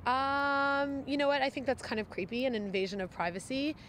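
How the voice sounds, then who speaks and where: A woman's voice: high-pitched, fairly even intonation, fairly quick, a bit bright. A young woman speaks frankly and with emphasis in a campus street interview. Her voice sits in a middle range, with faint traffic behind her. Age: young adult. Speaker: student interviewee. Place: outdoors on campus.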